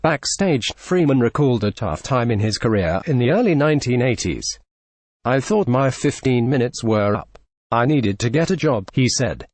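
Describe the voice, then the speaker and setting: A man narrating a scripted entertainment news report in a steady, even read. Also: mid-range voice, moderate pace, no room sound.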